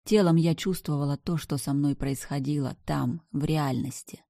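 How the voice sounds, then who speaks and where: Female audiobook narrator, low voice, intense first-person telling, dry close sound. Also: steady tone, normal speed, vocal fry, warm tone, no echo. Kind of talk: first-person scripted narration of dark fiction.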